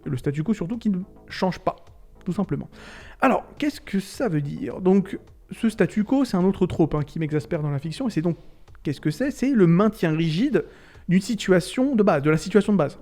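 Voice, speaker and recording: A man's voice: high-pitched, animated, moderate pace, dark tone, soft background music. A man hosting a casual video essay, ranting animatedly about fiction tropes and swearing freely.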